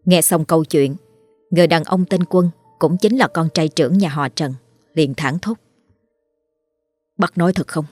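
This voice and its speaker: A woman narrating a ghost story in a measured, suspenseful way. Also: deep voice, darkish tone, dry recording. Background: faint music.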